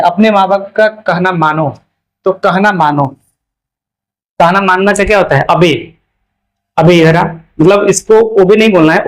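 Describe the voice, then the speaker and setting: A man with a Hindi accent explains grammar in a casual classroom style. He asks questions and answers them himself, and says the English examples slowly and carefully. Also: high voice, poor audio.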